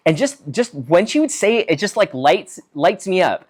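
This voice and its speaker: A man speaks with a lively, swinging pitch, his voice rising and falling freely. He is a physician giving a solo talk, reading from notes and acting out example lines. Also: normal speed. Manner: animated, acts out quoted lines, reads from notes. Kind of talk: solo talk on conversation skills.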